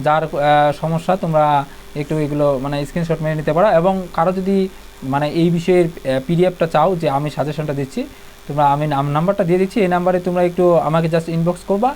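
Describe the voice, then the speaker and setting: A young man tutors students in a very rapid, tumbling delivery, his voice sitting a little high for a man. He explains step by step, often restarting and repeating himself in a casual, colloquial tone. A faint hiss runs underneath the recording. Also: fairly even intonation, a little mellow. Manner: addresses students informally, colloquial. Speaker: teacher. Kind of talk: exam-prep video lesson.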